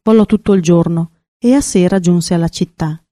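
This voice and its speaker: Woman storyteller, calm measured reading, low mellow voice, dry close sound. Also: no echo. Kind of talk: scripted storybook narration.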